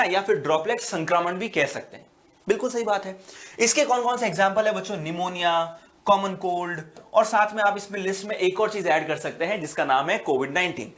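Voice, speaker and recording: Patient with his students, this biology teacher works through exam prep slowly, frequently making sure they are keeping up. His voice is high and fairly bright. "बच्चों" and "है ना" come up again and again, pauses are filled with "अ", and he often restarts words.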